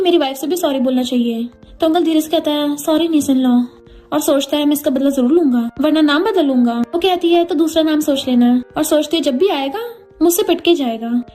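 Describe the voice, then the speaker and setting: Rapid high-voiced woman recapping a drama. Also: warm tone. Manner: retells every character's lines in her own voice with quick Hindi-English mixing. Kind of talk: fast storytelling recap of a drama. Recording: faint background music.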